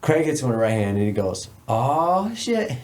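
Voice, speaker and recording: A man's voice: lowish voice, fast talker, warm tone. A man who trains boxers, telling a fight-trip story in casual, laughing podcast chat. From Texas. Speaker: boxing trainer.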